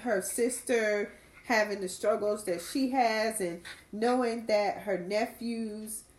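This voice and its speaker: A woman's voice: medium pitch, takes it slowly. A woman chatting casually as a podcast co-host, hesitant and thinking aloud with lots of fillers. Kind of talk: casual chat about a reality show. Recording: echoey room.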